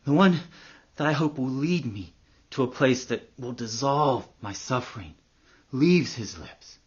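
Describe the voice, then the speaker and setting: A man playing a husky, profane, embittered man. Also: mid-range voice, animated, a little slow, muffled recording. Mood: hushed, wry. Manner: sardonic and profane, hushed storytelling turning to loud ranting. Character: embittered middle-aged man, crude, vindictive, sardonic. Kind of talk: acted dramatic monologue.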